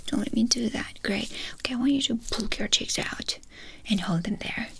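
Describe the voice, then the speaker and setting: A woman performs a fast ASMR whispered role-play as a medical examiner. Her whisper is breathy and crackles with fry. She gives brisk, clipped instructions and questions in quick succession. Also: on the high side, fairly bright tone.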